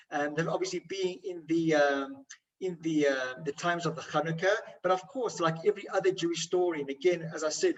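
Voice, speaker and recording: A male rabbi delivers a holiday sermon, weaving in a story. He speaks haltingly, often restarting his sentences, in a fairly high voice. The mic sits a little away from him. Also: recorded from a distance, muffled recording. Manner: halting, frequent restarts and fillers.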